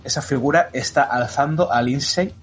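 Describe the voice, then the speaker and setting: A man narrates a horror tabletop game as game master, walking through each scene steadily with frequent hesitant fillers. His voice sits at an ordinary middle pitch. Clear music plays throughout behind him. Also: moderate pace. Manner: descriptive, steady, full of fillers. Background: background music.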